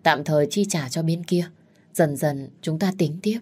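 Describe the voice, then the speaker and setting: A woman's voice: low-pitched, normal speed, warm tone, husky. A woman voicing a responsible young elder daughter who steadily reassures her family. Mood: resolute. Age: young adult.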